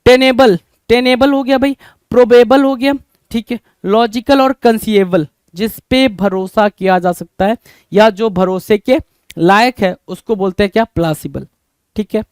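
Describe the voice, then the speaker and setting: A man's voice: sits high, a little slow, darkish tone, clean tone, dry recording. A man with an Indian accent teaching English vocabulary in Hindi, repeating each question back to his students. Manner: repeats questions to students, calls them brother.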